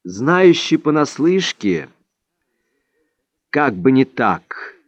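Man doing an exasperated old male sage; raised pitch, slow emphatic delivery, wide swings. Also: animated, a little mellow, no echo, highs cut off. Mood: scolding. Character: stern old male Indian sage, scolding.

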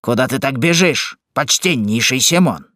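A man's voice: medium pitch, animated, normal speed, sharp tone, no room sound, clean studio sound. A man voicing an upright male sergeant who reproaches a bully firmly in an audiobook. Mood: alarmed. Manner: firm, reproachful. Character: indignant upright male sergeant, defends the weak. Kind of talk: audiobook character reading.

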